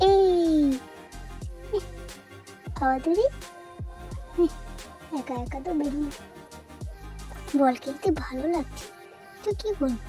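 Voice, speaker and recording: A woman voicing a stubborn older girl doll who bosses her little sister, in a childlike, squeaky voice. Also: dark tone.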